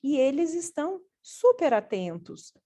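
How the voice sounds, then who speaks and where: A woman who is a parenting educator and mother, telling stories from home in an earnest, animated way. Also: high voice, unhurried. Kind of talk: casual conversation.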